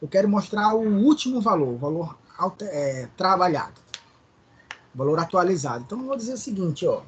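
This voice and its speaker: Teaching code in a live online class, a man with a Maranhão accent from Brazil walks through each step and regularly checks on his students. He speaks fairly quickly in a high-pitched, sing-song voice, with a little hiss or hum in the audio.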